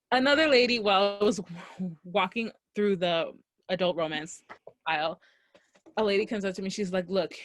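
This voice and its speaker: A woman's voice: medium pitch, dry recording. Chatty young woman telling a story. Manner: animated, acts out quoted dialogue. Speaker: podcast co-host. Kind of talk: casual storytelling chat. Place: Los Angeles area.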